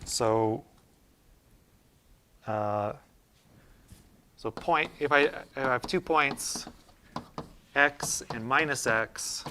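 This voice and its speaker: A man's voice: medium pitch, sharp tone, a little hiss or hum. Man giving a casual university math lecture. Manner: informal, thinking aloud with many fillers and restarts. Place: lecture room.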